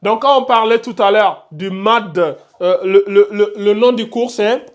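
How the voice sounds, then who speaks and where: A man gives a tajwid lesson in a live online class. He talks in quick bursts and keeps pointing things out over and over. Then he slows right down to chant each example. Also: high voice. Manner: repeats words often, points at symbols on the board. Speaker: tajwid teacher.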